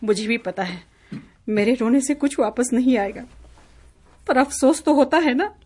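A woman's voice: fairly high pitch, measured pace, darkish tone, husky. An actress playing a wife who mourns her belongings lost in a flood, in a radio play. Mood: aggrieved. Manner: complaining, sulky. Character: grieving, complaining young wife. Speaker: radio drama actor.

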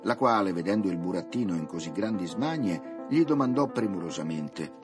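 A man narrating a children's story in a theatrical, expressive way. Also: low voice, normal speed. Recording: music playing underneath.

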